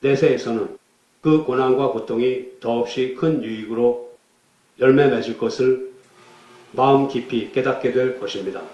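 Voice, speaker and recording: A man preaching a sermon as pastor, measured and solemn, then leading a prayer. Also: mid-range voice, darkish tone, reverberant, dull audio. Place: church sanctuary.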